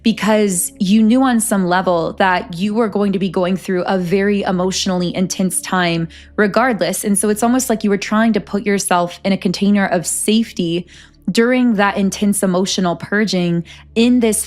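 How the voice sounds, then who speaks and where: Soft-spoken woman channeling a tarot reading. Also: medium pitch. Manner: earnest, flowing, self-aware of speaking fast. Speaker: tarot reader. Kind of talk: spiritual channeling monologue.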